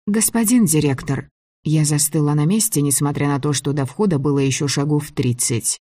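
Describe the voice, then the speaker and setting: A man narrating a first-person audiobook in an even, measured way. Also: on the high side, no echo, studio quality. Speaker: audiobook reader.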